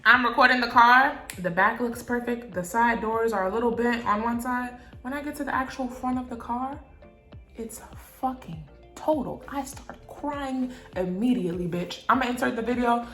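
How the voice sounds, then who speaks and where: A young woman vlogger telling a story in a casual, animated way, swearing often and getting emotional. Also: on the high side, normal speed. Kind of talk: storytime vlog. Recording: echoey room with faint music.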